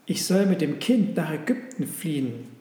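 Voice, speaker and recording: A man voicing a calm, kind father and carpenter in a storybook reading, speaking reassuringly. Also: a little high, normal speed. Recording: roomy with long reverb.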